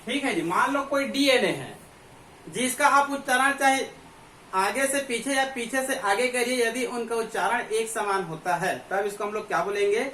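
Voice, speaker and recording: A man's voice: very high-pitched, normal speed, sharp tone. Man lecturing in an echoey classroom. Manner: repetitive, asks and answers own questions. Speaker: biology teacher. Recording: echoey room, mic far off, faint hum.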